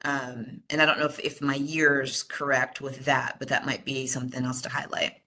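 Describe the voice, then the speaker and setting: A woman's voice: extremely low pitch, little pitch movement, moderate pace, bright, forceful tone. A woman chairing a commission meeting over a video call, speaking with many fillers and restarts. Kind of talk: virtual meeting discussion.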